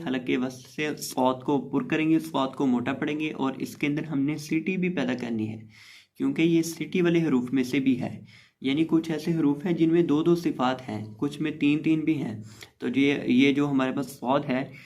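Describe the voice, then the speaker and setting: A man teaching a tajweed lesson, spelling out syllables slowly and explaining patiently step by step. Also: on the high side. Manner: spells out syllables slowly, stretching and repeating each word. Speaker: Quran reading teacher.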